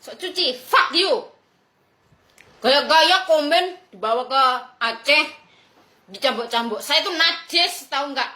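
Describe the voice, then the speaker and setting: Brash, high-pitched woman ranting mockingly. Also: lively intonation, unhurried, bright, forceful tone, reverberant. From Indonesia. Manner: brash, mocking, swears freely, laughs scornfully. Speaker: livestreamer. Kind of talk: angry livestream rant.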